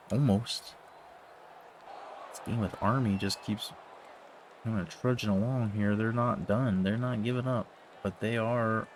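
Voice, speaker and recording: A man's voice: lowish voice, a little hiss or hum. Rambling man streaming a football game. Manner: rambling, swears, mock play-by-play calls. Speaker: gaming streamer. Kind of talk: casual gameplay commentary.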